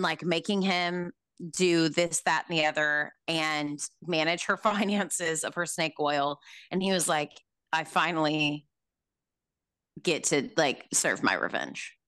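Wry young woman co-host, lowish voice. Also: a little slow, fairly bright tone, no room sound. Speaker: podcast co-host. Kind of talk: casual chat.

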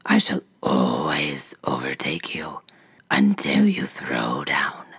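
A huge menacing ogress. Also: female voice, fairly even intonation, takes it slowly, fairly bright tone, heavily acted. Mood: scheming. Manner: hoarse low whisper. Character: huge, tall, stout female ogress, menacing.

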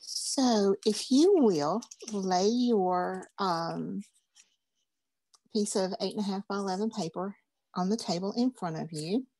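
A woman's voice: medium pitch, slow, warm tone, no room sound. A woman, teaching a craft class in a chatty, upbeat, folksy way. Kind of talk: casual craft class instruction.

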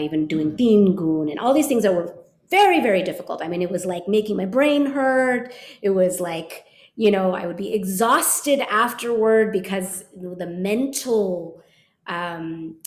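A woman, a Kathak dancer and teacher, recalls her training in a reflective interview. She acts out her teacher's lines in lively voices. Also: on the low side, echoey room. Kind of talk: storytelling interview.

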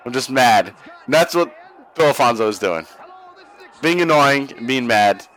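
A man's voice: mid-range voice, lively intonation, unhurried, fairly bright tone, some chatter behind, rough recording. A young man co-hosting a podcast, watching old wrestling and chatting casually, profane and laughing a lot. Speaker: podcast co-host. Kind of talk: casual watch-along commentary.

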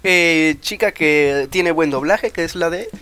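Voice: medium pitch, measured pace, bright, forceful tone. A speaker, co-hosting a podcast and recapping an anime episode in casual chat. They ramble, with many fillers and tag questions. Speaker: podcast co-host.

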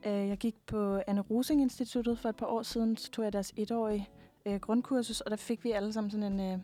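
Her mid-range voice comes through over faint background music as this twenties-aged guest singer chats easily in an interview, hesitating often and filling gaps with fillers, though she stays relaxed.

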